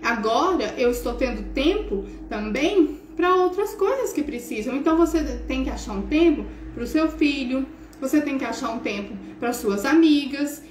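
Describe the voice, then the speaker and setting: A middle-aged woman with a Brazilian Portuguese accent, an English teacher giving a chatty, animated motivational talk. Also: sits high. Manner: animated, chatty, acts out scenes. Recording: roomy echo, faint hiss.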